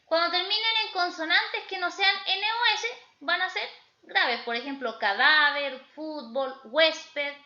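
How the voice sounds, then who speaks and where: A woman teacher with a high, bright voice walks her students through spelling rules, often stopping to check that they follow. Her voice rings in an echoey room. The recording sounds slightly dull. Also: expressive, normal speed. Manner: explanatory, checking in with a repeated "¿ya?".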